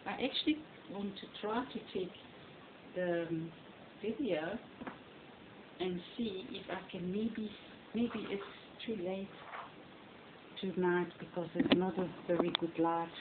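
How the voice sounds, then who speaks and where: A woman's voice: lowish voice, takes it slowly. Chatty Flemish-accented woman on a tinny phone. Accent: Flemish Belgian. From Belgium. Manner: chatty and rambling, fond of the word lovely. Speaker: reborn doll hobbyist. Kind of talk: casual home vlog. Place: bedroom at home. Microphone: phone camera on a stand. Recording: tinny noisy cell phone recording.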